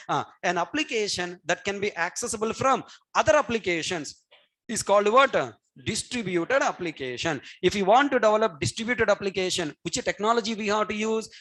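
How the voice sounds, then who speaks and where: A man's voice: sits high, a bit bright. A middle-aged man with a Telugu accent in English, a native Telugu speaker, teaching a programming class in an exhorting, repetitive way with question tags and prompts for answers. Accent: Telugu Indian English. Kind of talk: interactive classroom lecture.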